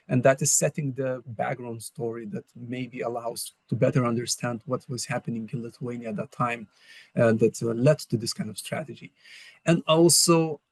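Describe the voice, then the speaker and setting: A man's voice: mid-range voice, dry recording. Hesitant academic man, dry sound. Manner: hesitant, many fillers, careful phrasing. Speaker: university lecturer and panel discussant. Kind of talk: webinar panel commentary.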